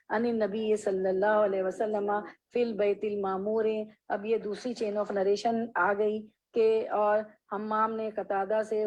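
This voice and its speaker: A woman teaching a hadith lesson. She reads Arabic phrases slowly, explains them, and asks her listeners questions. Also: mid-range voice, darkish tone, highs cut off. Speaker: religious teacher.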